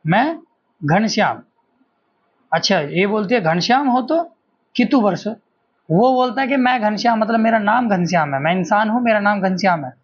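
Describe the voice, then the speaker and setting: A man's voice: high voice, dull audio. A man teaching an exam-prep grammar lesson, explaining step by step and answering his own questions.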